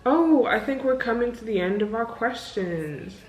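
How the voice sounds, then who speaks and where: A woman's voice: fairly high pitch, animated, moderate pace, roomy sound, poor audio. A young woman answering viewer questions in a casual sit-down vlog, candid and chatty, swearing freely. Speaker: vlogger.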